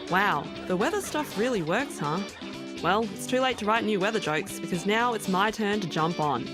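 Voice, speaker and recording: A woman's voice: mid-range voice, animated, normal speed, a crowd in the background. Aussie woman comic from melbourne, bouncy up-and-down voice, laughs a lot, music underneath. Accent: Australian. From Melbourne, Australia. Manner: chatty, laughs often. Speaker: comedian and show host. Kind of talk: travel-show narration and stand-up.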